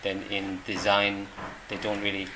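A middle-aged Irish man volunteers as an interviewee in a casual interview, answering hesitantly with lots of ums and restarts. His voice is lowish, his delivery completely flat and unhurried. Noisy room ambience fills the recording.

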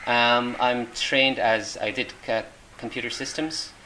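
In a noisy room, a middle-aged man from Ireland volunteers answers in a casual interview, hesitant and full of ums and restarts. His mid-range voice is steady, bright, and forceful, and he speaks a little slowly.

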